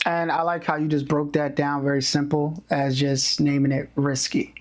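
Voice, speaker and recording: A man's voice: fairly high pitch, little pitch movement, normal speed. A man hosting an interview, asking friendly questions and nodding along with short affirmations. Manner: conversational, asks questions, affirms often. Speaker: host.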